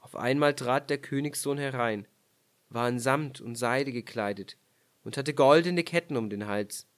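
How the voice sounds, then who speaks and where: A man narrating a fairy tale aloud in a measured, expressive storytelling voice. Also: medium pitch.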